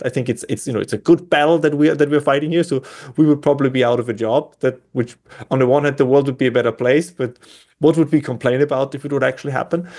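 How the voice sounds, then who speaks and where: A guest in a conversational discussion, this man speaks with an Austrian German accent in a mid-range, darkish voice. He's thoughtful, often restarting phrases as he hunts for words.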